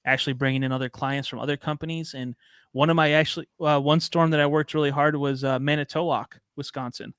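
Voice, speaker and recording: Chicago guy telling his story on a podcast, kinda high voice, dry close sound. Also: fast talker, clear, resonant tone, no echo. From Chicago, USA. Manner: chatty, storytelling, relaxed slang. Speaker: podcast guest. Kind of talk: casual podcast conversation.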